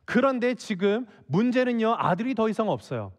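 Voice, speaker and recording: A man's voice: high-pitched, big pitch swings, normal speed, in a large hall. A man preaching a sermon as a pastor, acting out the characters' lines with emotion. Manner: acts out the Bible characters' dialogue with emotion. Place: church sanctuary.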